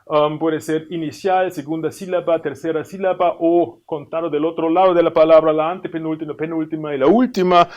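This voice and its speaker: A man presenting at an academic conference, explaining in a thoughtful, questioning way with frequent pauses and filler sounds. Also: fairly high pitch, fairly even intonation, darkish tone. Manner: analytical, questioning tone.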